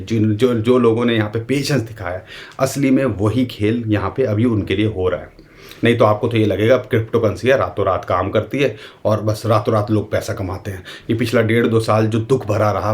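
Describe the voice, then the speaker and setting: A man with an Indian accent giving a casual, conversational market analysis straight to his viewers, speaking as "we". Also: lowish voice. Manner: conversational, addresses viewers directly, uses the royal we. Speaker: crypto market commentator.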